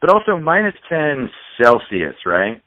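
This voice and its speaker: A man's voice: a little high, wildly swooping pitch, unhurried, no echo. A man hosting a podcast, talking jokily over the phone and laughing easily. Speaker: podcast host. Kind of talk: casual chat. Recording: tinny phone line.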